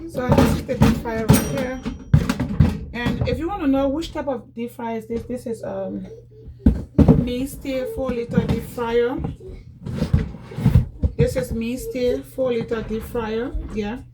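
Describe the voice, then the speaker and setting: A woman from Liberia with a fairly high voice speaks unhurriedly, leaving long pauses. She's a YouTuber showing how to clean in a home how-to vlog, chatting casually, repeating herself and often calling her viewers "guys." Music plays in the background.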